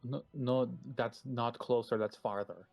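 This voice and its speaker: A man's voice: medium pitch, steady tone, measured pace, creaky, a little mellow. A man chatting casually as a player in a tabletop role-playing game. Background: faint music.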